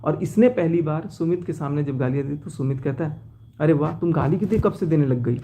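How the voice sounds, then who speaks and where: A man's voice: a little high, fairly quick, dark tone, slight background noise. A young man talking to his viewers from his car, agitated as he recounts a betrayal in a personal vlog. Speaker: vlogger.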